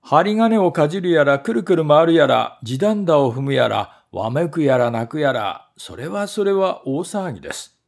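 A male voice actor narrates a children's story with measured, expressive delivery. His pitch sits a little high for a man and moves in lively rises and falls. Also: gravelly. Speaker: voice actor reading a story aloud.

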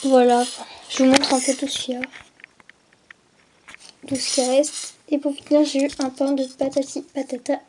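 High-voiced young woman listing craft supplies. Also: level tone, moderate pace, pauses often, background noise. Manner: lists items one by one, often drops to a near whisper; hesitant, with frequent fillers and self-corrections. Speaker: vlogger showing a craft supply haul. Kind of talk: casual unboxing vlog.

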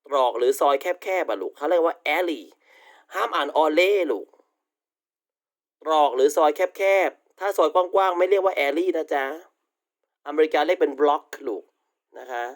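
A man's voice: on the high side, normal speed, long pauses. A male university English teacher giving a recorded online vocabulary lecture, affectionately calling students "child" and repeating polite tag particles.

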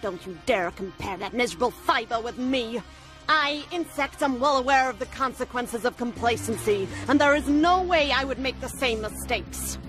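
A woman's voice: on the high side, moderate pace, natural voice. A woman playing a boastful, haughty villainess in an anime dub, theatrical in delivery. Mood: indignant, boastful. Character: boastful, haughty villainess, insect-commanding conqueror. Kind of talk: English anime dub acting. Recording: loud music behind the dialogue.

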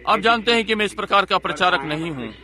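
A man's voice: high-pitched, animated, quick pace, bright, forceful tone. A man preaching a sermon and praying, talking earnestly and repeating himself, often turning to the congregation with asides. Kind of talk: Hindi sermon and prayer.

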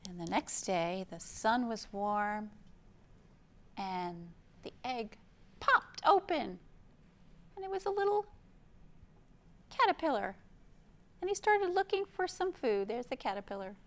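A middle-aged American woman, a librarian, leads children's storytime indoors in the library, reading aloud and showing items while explaining simply to young kids. She speaks slowly with a fairly high, very animated voice and long pauses.

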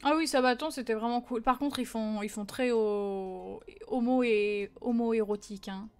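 With faint music behind her, a young woman in a high, light, smooth voice chats with her stream audience at normal speed. She's animated and talkative as she answers viewer messages, with plenty of fillers along the way.

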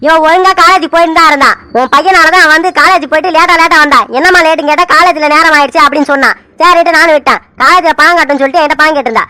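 A woman's voice: sits high, racing, hardly any pauses, sharp tone, no echo. A woman voicing an angry, stubborn old grandfather in a cartoon serial who scolds and barks demands. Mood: scolding. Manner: scolding, keeps barking "ah?" demands.

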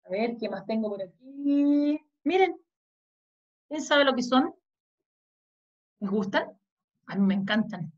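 A woman's voice: on the high side, animated, takes it slowly, long pauses, muffled recording. A woman teaching an early-reading lesson to young children, patiently sounding out letters and words and asking them to read along.

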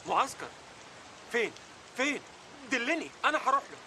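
A man's voice: extremely high pitch, sing-song, brisk, pushed and bright, a little hiss or hum, full character voice. An actor with an Egyptian Arabic accent voicing a terrified, grateful male survivor in a video game, stammering and breathless. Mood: frantic.

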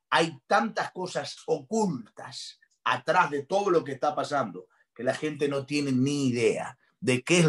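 A man preaching a fervent sermon, his voice sitting a little higher than most men's. He speaks directly to pastors and viewers and swells into loud, urgent exclamations at the key points. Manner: impassioned preaching, rising to shouts. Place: online congress broadcast.

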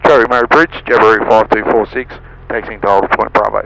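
A man's voice: fairly low pitch, fairly even intonation, fast, creaky. A man making formulaic aviation position calls on an aircraft radio. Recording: aircraft radio transmission, faint engine noise.

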